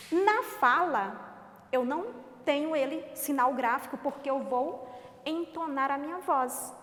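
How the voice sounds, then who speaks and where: Woman, teacher, children's lesson, high voice, long reverb. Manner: lively, exaggerated expressive intonation. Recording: echoey reverberant room.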